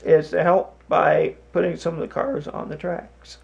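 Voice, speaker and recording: A man with a slightly high, gravelly voice walks through a casual demonstration. His delivery is slow and deliberate, often broken into short halting phrases. Faint room noise sits behind him. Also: little pitch movement, highs cut off. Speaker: host demonstrating a hobby. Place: home basement, indoors. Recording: clear background noise, room ambience.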